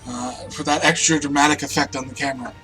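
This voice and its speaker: A man running a tabletop game as game master, improvising descriptions in a casual, halting way. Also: a little high, fairly even intonation, over music, poor audio.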